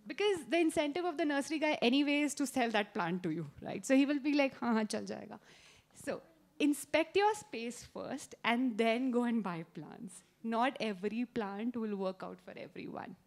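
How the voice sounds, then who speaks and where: A woman in her thirties with an Indian accent answers questions as a gardening expert and guest speaker at a live talk, explaining things instructively. Her voice is a little high with lively intonation, at normal speed.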